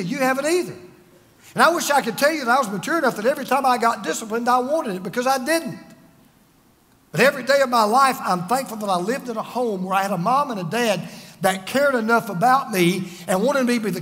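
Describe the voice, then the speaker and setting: Very high, bright and forceful, this man's voice has lively intonation and a fast delivery. The pastor, over fifty, preaches earnestly and emphatically, sharing self-mocking personal stories amid the long reverb of a large hall.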